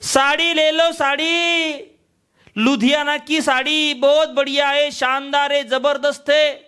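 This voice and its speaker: A man's voice: very high-pitched, steady tone, slow, bright, forceful tone, voice pushed up, full character voice. A man voicing a persistent male street saree seller with wheedling, repetitive sales patter. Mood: coaxing.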